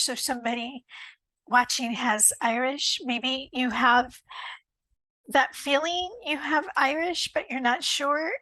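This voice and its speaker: A woman giving a casual tarot card reading, speaking in a searching way with frequent pauses and restarts. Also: sits high, sharp tone, dry recording, poor audio. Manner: slow and searching, many ums and restarts. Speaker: tarot reader.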